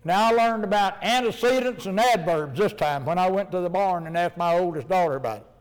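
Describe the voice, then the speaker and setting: High-voiced Appalachian preacher man in a reverberant hall. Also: fairly quick, smooth. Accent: Appalachian hillbilly. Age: middle-aged or older. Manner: folksy, plainspoken. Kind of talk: sermon with verse-by-verse Bible teaching.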